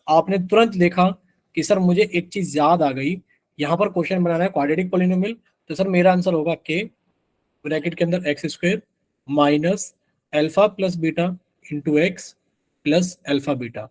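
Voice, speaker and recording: High-voiced man teaching an online math class. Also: normal speed, darkish tone, no echo. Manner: asks students questions constantly, voices their replies as "sir".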